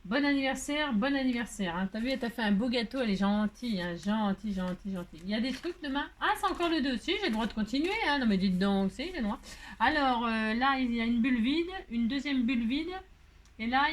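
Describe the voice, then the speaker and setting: A woman with a high voice chats casually while she crafts, rambling from one thing to the next and joking as she goes. She fills her talk with little fillers and sounds hot and a bit worn by the heat. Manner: rambling, playful, chatty with many fillers and jokes. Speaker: crafting vlogger.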